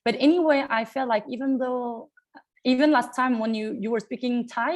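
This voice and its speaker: A woman's voice: high voice, fast talker, a little mellow. A woman chatting casually as a participant in an online meeting.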